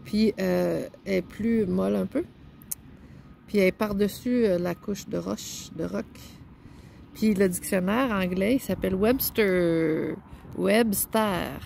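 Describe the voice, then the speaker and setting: A woman's voice: mid-range voice, takes it slowly, gravelly, a little mellow, slight background noise. A woman with a Québécois French accent, talking casually and musing aloud as she shows pages of a book, rambling and hesitant, playing on words.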